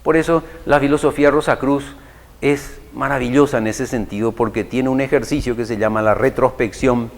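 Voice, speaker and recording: A man giving an unhurried spiritual lecture to an audience, often posing rhetorical questions. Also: medium pitch, fairly even intonation. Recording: long hall reverb.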